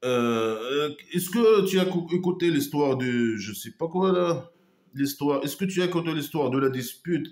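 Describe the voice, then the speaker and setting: A man's voice: a little high, expressive, moderate pace, darkish tone, echoey room. A man giving a casual critical monologue, scornful and mocking, hesitating with many trailing asides. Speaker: online commentator.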